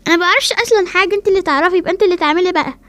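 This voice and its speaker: A woman's voice: extremely high pitch, rapid-fire, fairly bright tone, no room sound. A woman doing Judy, a blunt girl friend. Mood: lazy. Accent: Egyptian Arabic. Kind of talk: voiced game role-play.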